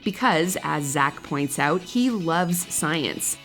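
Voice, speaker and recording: Woman doing a scripted countdown voiceover, lowish voice, bit of music under it. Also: animated, takes it slowly. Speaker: narrator of a countdown list. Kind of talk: scripted narration. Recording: music behind the voice. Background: background music.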